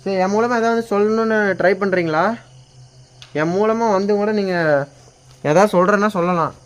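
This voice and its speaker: Guy ghost hunting at night, high voice, scared and pleading, calls out to a spirit. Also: moderate pace, clean tone. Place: empty house at night, indoors.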